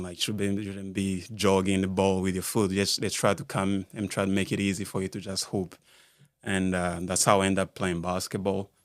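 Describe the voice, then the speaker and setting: A man from Rwanda with a low, level voice coaches basketball skills and is being interviewed on a casual podcast. His halting delivery is thick with fillers as he gropes for words, captured on a studio mic with clean sound and no echo.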